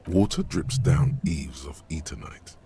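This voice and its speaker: An actor voicing a grave, deliberate game narrator who speaks as the hero's inner voice. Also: male voice, rumbling low, lively intonation, creaky, mellow, a little hiss or hum, full character voice.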